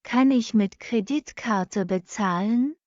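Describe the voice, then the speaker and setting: A woman reads short practice sentences for learners at a very unhurried crawl, repeating each one. Her voice sits a little high, and the recording is dry and slightly dull. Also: a little mellow, dry recording. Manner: reads each sentence twice, very slowly and evenly. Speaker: language lesson reader. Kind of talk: slow repeated phrase reading for learners.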